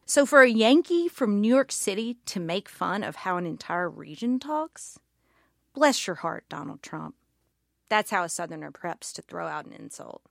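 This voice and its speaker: A woman's voice: mid-range voice, vocal fry, dry recording, clean studio sound. A woman with a Southern American accent gives a wry, pointed political commentary as podcast host.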